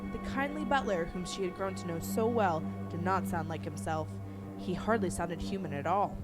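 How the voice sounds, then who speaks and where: A woman storyteller narrating a horror story in a suspenseful way, growing hushed at tense moments. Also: lowish voice, normal speed. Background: music.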